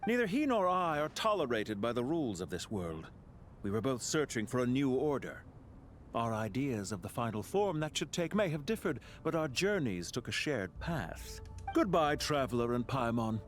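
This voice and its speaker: An actor playing a composed, philosophical man in a video game, speaking in formal, deliberate phrases. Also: medium pitch, very animated, close to an everyday voice. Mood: solemn, cool. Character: composed, philosophical man bidding a measured farewell. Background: music.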